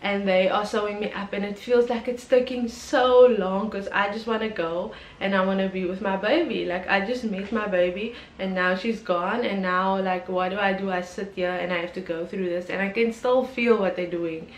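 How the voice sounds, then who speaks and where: A woman's voice: mid-range voice, steady tone, moderate pace, few pauses. A woman from South Africa telling a personal story on her vlog, candid and emotional, with lots of ums and likes. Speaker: YouTuber. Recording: roomy echo with faint background noise.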